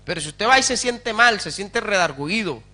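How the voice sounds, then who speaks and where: Male pastor, sermon, high voice, bright tone, fervent call-and-response preaching. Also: lively intonation, normal speed. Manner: rhetorical questions to the audience.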